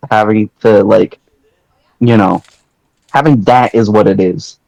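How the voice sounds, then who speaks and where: A man's voice: on the low side, steady tone, slow, creaky, a little mellow, dry recording, rough recording. A man co-hosting a podcast in casual chat, teasing and cracking edgy jokes. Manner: teasing, joking, edgy humor. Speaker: podcast co-host.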